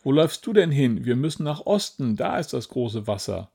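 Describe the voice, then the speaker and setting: A man's voice: medium pitch, lively intonation, normal speed, a little mellow. A man voicing a small, whiny, nervous male bird in a storybook reading. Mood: bossy.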